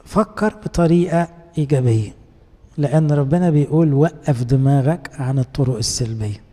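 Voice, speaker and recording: A man's voice: medium pitch, fairly quick, warm tone, long reverb tail. A man with an Egyptian accent, a priest giving a conversational sermon in a coaxing, colloquial way and asking the congregation rhetorical questions. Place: church.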